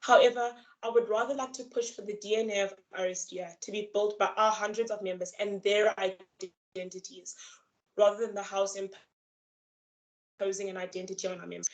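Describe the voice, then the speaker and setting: A woman's voice: mid-range voice, poor audio. Young woman giving an earnest campaign speech. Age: young adult. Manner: earnest, measured, formal. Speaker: student election candidate.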